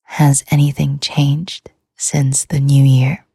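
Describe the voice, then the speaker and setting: Slow, soft-whispering woman, breathy and dark. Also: very deep voice, little pitch movement, no echo, clean studio sound. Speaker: sleep podcast host. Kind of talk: whispered ASMR sleep talk.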